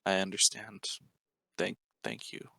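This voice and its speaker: A weary, grieving male agent, acted by a man at a tabletop game, speaks low and haltingly. The voice is subdued and raspy, in a dry, close sound. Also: big pitch swings, dry recording, heavily acted. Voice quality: raspy, quiet.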